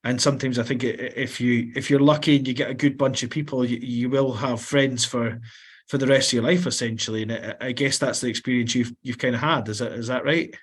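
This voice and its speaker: A man's voice: mid-range voice, steady tone, brisk, husky. A man hosting a sports podcast, asking questions casually and often repeating words as he starts them. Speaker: podcast host. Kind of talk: casual interview.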